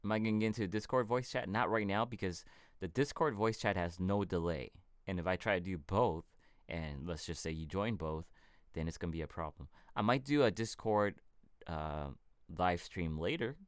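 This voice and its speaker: A man with a very low, smooth voice hosts a casual fitness livestream, answering viewer questions in a relaxed, rambling way. He is from California. The sound is close and dry, with no room around it. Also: normal speed, no room sound. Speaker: fitness channel host.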